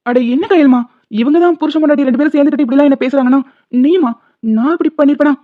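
A petty, gloating male college principal teases his friend in a cartoon, played by a woman. His voice sits high and the sound is tinny and narrow, as if through a phone. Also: very fast, no echo, lightly acted. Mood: evasive. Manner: mocking, gloating.

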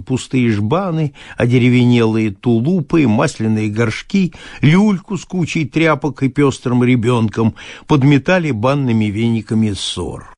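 A man reading a classic story aloud as an audiobook narrator, expressive and theatrical. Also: mid-range voice, gravelly, dry recording, studio quality. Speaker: audiobook reader.

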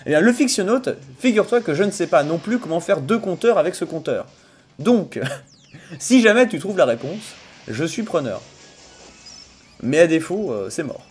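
Playful high-voiced male streamer. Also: very animated, moderate pace, husky, faint music behind. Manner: playful, jokey, swears freely; theatrical outbursts and mock lamenting. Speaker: streamer host. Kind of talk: casual livestream chat.

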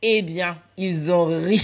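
Woman, library storyteller, expressive children's-book reading, slow and full of pitch play. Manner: animated, acts out laughs and cries.

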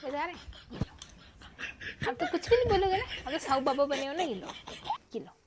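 High-pitched woman begging her husband to talk, scolding and coaxing, faint noise behind. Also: sing-song, fast talker. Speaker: wife being pranked. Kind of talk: casual home vlog.

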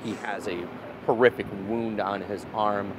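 A man in his thirties leads a walking tour on a city street beside a prison wall, telling history casually as a story full of fillers and restarts. His lowish voice is steady and measured. Traffic noise fills the outdoor recording.

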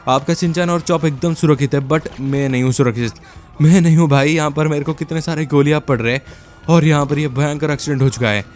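A young man giving excited gameplay commentary, talking to his viewers in casual slang and repeating words in quick, frantic bursts. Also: on the high side, faint music behind. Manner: speaks as the game character in first person; casual slangy Hinglish, addresses viewers as guys. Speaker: gaming YouTuber. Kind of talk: excited Let's Play commentary.

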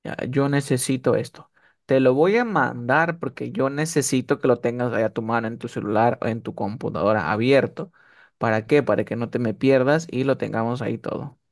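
A man's voice: mid-range voice, a little fast. A man teaching English one-on-one over a video call, often checking that his student is following. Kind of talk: one-on-one online tutoring.

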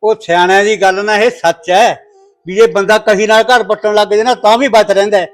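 A stern, wronged father in a village family drama, played by a man, scolding and moralizing with old sayings. His voice sits fairly high for a man. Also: steady tone, a little fast, close to an everyday voice. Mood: reproachful. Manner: scolding, preaching proverbs. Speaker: actor in a short film.

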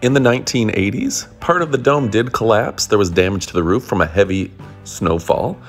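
A man's voice: lowish voice, expressive, normal speed, faint music behind. A man hosting and narrating a casual documentary in an upbeat way, with jokey asides. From Detroit area. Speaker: host and narrator.

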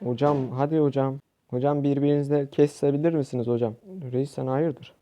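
A young man from Turkey, a gaming YouTuber giving excitable live gameplay commentary, shouting at teammates and repeating words rapidly. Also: medium pitch, lo-fi sound.

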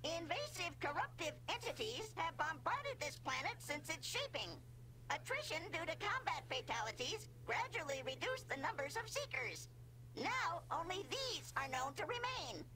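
A calm ship-computer custodian. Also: female voice, extremely high pitch, soft background music, exaggerated voice, rough recording. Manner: calm ship-computer announcer, measured and procedural. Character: calm female machine custodian of an ancient vault. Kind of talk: video game dialogue.

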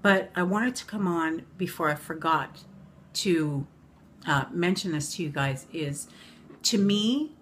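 A woman's voice: on the low side, slow, fairly bright tone, slight background noise. A woman in her forties chatting casually about makeup in a rambling way, full of ums and self-corrections, recorded on a camera in her bedroom. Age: 40s. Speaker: beauty vlogger. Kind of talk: casual makeup review vlog. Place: bedroom at home.

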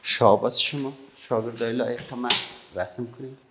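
A middle-aged man with an Afghan Dari accent, teaching young children patiently, repeating slowly and praising often. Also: mid-range voice, steady tone, heavy background noise. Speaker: primary school teacher.

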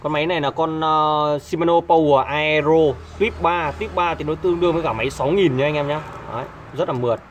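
A man shows off his shop's goods in a slightly high voice. He talks casually, hesitates often and repeats his points. Steady background noise runs under the recording. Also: brisk, few pauses. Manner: chatty, repeats himself, many hesitations. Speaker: fishing tackle shop owner. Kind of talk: casual product showcase. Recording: noisy background.

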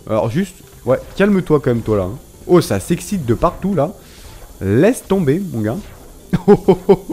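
An excitable man doing casual game commentary in a fairly high voice that leaps up and down. He talks in slang, cries out and swears at the screen, and reads the game's instructions aloud. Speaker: gaming video creator. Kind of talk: casual let's-play commentary.

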